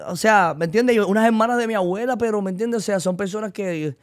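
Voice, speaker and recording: Fast-talking Cuban man, dry close sound. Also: high voice, no room sound. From Cuba. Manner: rambling, restarts often. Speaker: guest. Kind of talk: casual conversation.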